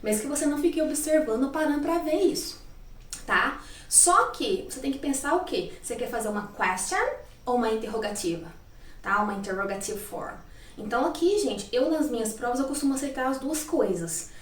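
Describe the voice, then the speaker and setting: High-voiced Brazilian woman teaching, echoey room. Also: expressive, brisk, distant mic. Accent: Brazilian Portuguese. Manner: chatty, checks in with frequent tag questions. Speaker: English teacher. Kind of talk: casual classroom-style grammar lesson. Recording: echoey room, voice a little off-mic.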